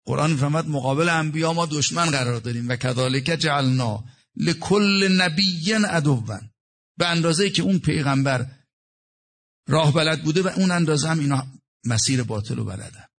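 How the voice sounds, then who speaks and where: Gravelly-voiced man delivering a sermon. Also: on the high side. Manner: explains Arabic verses in plain talk, shifting between hushed and raised delivery. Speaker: preacher. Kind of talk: religious sermon with Quranic recitation.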